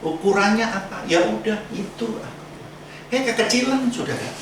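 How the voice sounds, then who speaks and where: A man's voice: sits high, lively intonation, moderate pace, noisy background. A man preaching a sermon in a casual, chatty way, slipping into slang asides and acting out voices he quotes. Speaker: pastor. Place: church sanctuary. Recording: echoey church hall miked from a distance.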